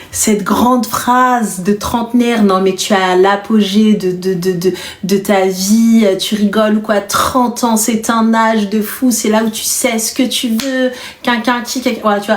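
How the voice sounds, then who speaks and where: A woman's voice: mid-range voice, reverberant. A woman in her thirties hosting a live stream and taking callers, talking in a casual, teasing and joking way. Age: 30s.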